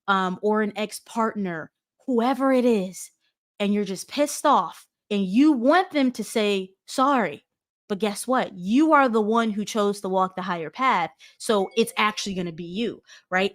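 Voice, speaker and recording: Earnest woman teaching spiritual self-help. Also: mid-range voice. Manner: earnest, rambling, self-correcting, with sudden animated bursts. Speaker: host.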